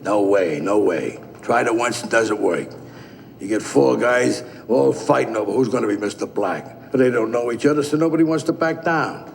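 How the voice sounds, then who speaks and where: An actor playing a gruff, bossy older male crime boss with a gravelly voice, blunt and profane in crime film dialogue. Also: lowish voice, moderate pace. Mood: irritated, commanding. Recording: noisy, long reverberant room sound.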